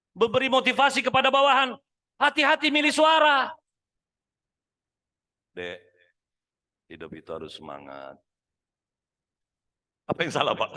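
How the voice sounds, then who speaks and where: A man giving a lively motivational talk at a midday mosque study session, showing off different ways of using the voice and often addressing the men as "Pak.". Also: very high-pitched.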